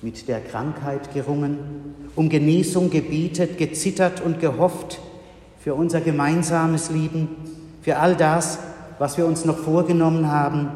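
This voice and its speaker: Slow, measured male preacher. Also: a little high, darkish tone. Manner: slow, measured, with solemn pauses. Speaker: pastor. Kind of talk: sermon. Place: church. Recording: reverberant church hall.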